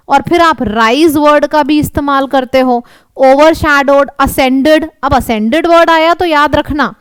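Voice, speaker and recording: Indian lady english teacher, high voice, dry close mic, keeps quizzing students. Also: dry recording. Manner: lively, quizzing students with questions. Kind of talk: exam vocabulary lesson.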